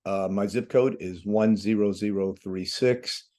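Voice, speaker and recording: A man's voice: lowish voice, fairly even intonation, darkish tone. Man leaving an earnest voicemail. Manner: measured and earnest, with occasional fillers. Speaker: host calling his representatives. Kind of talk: formal phone message.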